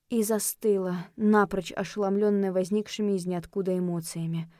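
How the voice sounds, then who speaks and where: A woman reading a first-person novel aloud as an audiobook narrator, expressive, falling soft and quiet at tense moments. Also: medium pitch, dry recording, clean studio sound.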